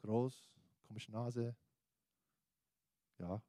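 Extremely slow and warm, this man's mid-range voice comes through a dry, clean studio recording. He is a pastor, a native English speaker with an American accent in German, giving an informal evangelical sermon and addressing listeners directly in plain, colloquial words.

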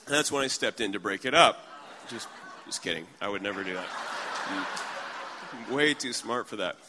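A man's voice: fairly low pitch, lively intonation, moderate pace, big-room sound, noisy background. A middle-aged man preaching a sermon in a conversational, humorous way, telling everyday stories. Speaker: pastor. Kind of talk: sermon with storytelling. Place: church in New York.

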